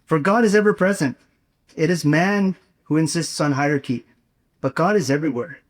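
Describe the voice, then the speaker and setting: At a campus gathering, a young man gives a prepared, inspirational speech as a student speaker. His voice is a little high, and his phrasing is earnest, measured, and rhetorical.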